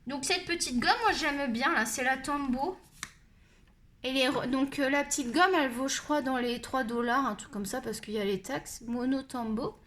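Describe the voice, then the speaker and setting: A woman with a high, shrill voice who talks loudly and at length, chatting her way through a colored-pencil tutorial. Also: normal speed, slight background noise. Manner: loud, talkative and animated. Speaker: colouring tutorial host.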